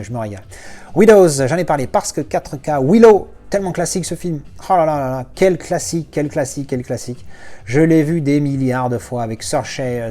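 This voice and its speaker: A man's voice: mid-range voice, dark tone. Rambling enthusiastic man. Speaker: video reviewer. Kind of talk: casual collection walkthrough.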